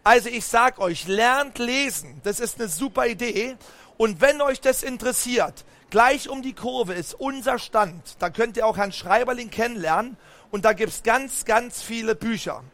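A man telling a lively story to children, speaking straight to them and asking them questions. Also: very high voice, normal speed. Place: book fair stand.

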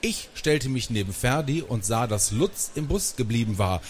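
Man, children's book reading, lively melodic delivery, mid pitch. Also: moderate pace, a little hiss or hum. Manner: expressive storytelling. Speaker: reader.

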